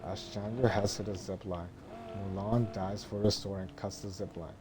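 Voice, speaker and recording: A man reading a film script as narration in a monotone, droning way, halting and stumbling over words. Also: on the low side, music in the background.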